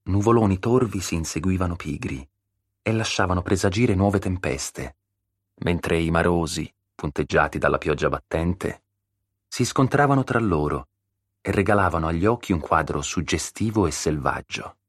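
A man narrating a novel as an audiobook, in a measured, steady storytelling manner, close to a studio mic. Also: low-pitched, no room sound. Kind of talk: scripted narration.

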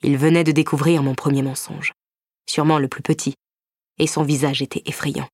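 A woman narrates a first-person romance novel in a low, even voice. Her reading is measured and intimate, carrying quiet tension. The close, dry studio sound leaves no room echo. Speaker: audiobook narrator.

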